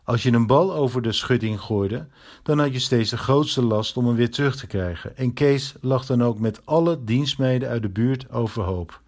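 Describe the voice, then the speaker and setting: A man reading a children's story aloud in a steady, measured way. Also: medium pitch. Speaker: narrator.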